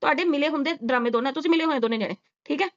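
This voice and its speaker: Woman, reaction commentary, sarcastic and scolding, high voice, dull lo-fi sound. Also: very fast, slight background noise. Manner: mocking, scolding, rhetorical questions. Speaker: reaction vlogger.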